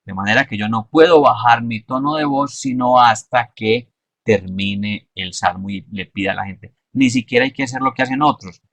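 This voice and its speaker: Measured man teaching, dry sound. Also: mid-range voice, a bit bright, no echo. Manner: measured and explanatory, stressing key points. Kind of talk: instructional talk.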